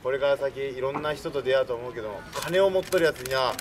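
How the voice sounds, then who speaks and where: A man's voice: mid-range voice, fast talker, lightly acted. A young man playing a boastful, worldly-wise old samurai lord, giving jovial, emphatic life advice to visitors in archaic speech. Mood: wise, advising. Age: young adult. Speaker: costumed historical performer. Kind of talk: in-character talk show for castle visitors. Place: outdoor castle grounds beside a stone wall. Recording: noisy outdoor recording from a distant camera.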